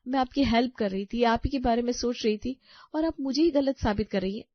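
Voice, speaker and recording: A woman voicing a gentle, patient young daughter-in-law in a cartoon story, polite and pleading. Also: a little high, brisk, no echo, natural voice. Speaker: voice actor. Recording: dry, slightly dull audio.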